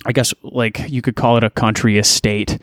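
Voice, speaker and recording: A young musician from Ontario, Canada, is a guest on a casual podcast interview, rambling and hesitant and restarting his sentences often. His medium-pitched voice is steady at a normal speed, recorded in studio quality with no echo.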